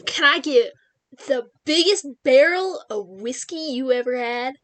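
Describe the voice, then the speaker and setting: A woman voicing a brash, hard-drinking frontier woman who talks loud, swaggering and crude. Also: high-pitched, lively intonation, a little slow.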